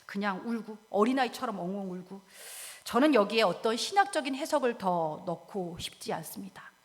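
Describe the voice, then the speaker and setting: A woman pastor preaching a sermon, dramatic, dropping to hushed whispers and rising to loud cries while she asks the congregation direct questions. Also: medium pitch, animated, a little fast. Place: church sanctuary. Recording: long reverb of a church hall.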